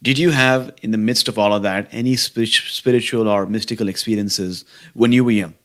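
A man hosting an interview, calm and affirming, asking questions and murmuring agreement. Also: fairly low pitch, brisk. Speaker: host. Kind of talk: conversational interview.

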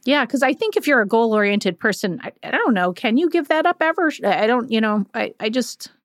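A woman's voice: a little high, big pitch swings, a little fast, dry recording. Woman co-host, casual and encouraging, dry close sound. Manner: supportive, frequent "yeah", thinks aloud. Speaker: podcast co-host. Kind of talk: casual chat.

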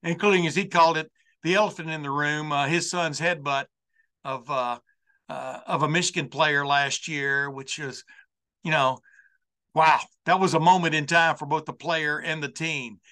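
A man's voice: a little high, fairly even intonation, moderate pace, pushed and bright. A man hosting a college football show with an unscripted monologue, folksy and rambling, often circling back over his phrases. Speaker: sports talk show host.

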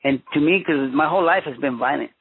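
A man in his fifties, born in Mexico and raised in Los Angeles, telling his own story as a former police officer, halting and restarting often. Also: a little high, breathy edge, dry recording. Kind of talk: personal storytelling interview. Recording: tinny phone-line audio.

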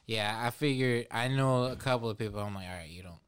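A man in casual podcast chat, teasing his co-host and throwing in quick jokes. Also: medium pitch, clear, resonant tone.

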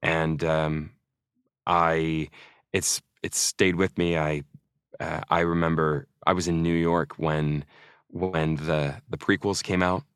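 Low-voiced man telling stories. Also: level tone, slow, fairly bright tone, smooth, no echo, studio quality. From Norway. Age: 40s. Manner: chatty, self-mocking storyteller. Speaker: actor guest. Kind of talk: casual interview chat.

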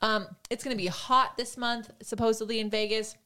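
A woman's voice: on the high side, steady tone, normal speed, bright, forceful tone. A woman co-hosting a podcast in casual banter, with playful, self-mocking asides and a chatty way of talking. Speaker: podcast co-host.

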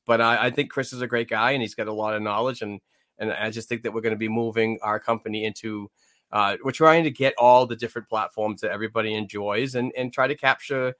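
Bright, low-pitched man co-hosting a podcast. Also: steady tone, fast, dry recording, studio quality. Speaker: podcast co-host. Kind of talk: casual chat about hockey.

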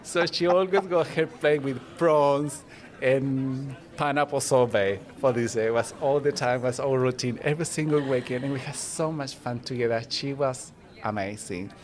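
A man's voice: medium pitch, normal speed. Chilean man telling his story. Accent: Chilean Spanish. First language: Spanish. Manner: warm and chatty, with non-native grammar slips. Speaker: guest, international student. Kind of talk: casual personal storytelling.

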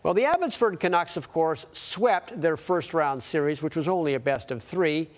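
Higher-voiced male sports anchor. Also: expressive, moderate pace. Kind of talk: conversational sports newscast narration.

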